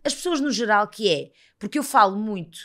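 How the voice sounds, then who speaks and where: Guesting on a podcast, this thirtysomething woman speaks with a European Portuguese accent and a mid-range voice, a little fast. Her talk is a casual chat full of lively stories in which she performs the dialogue herself.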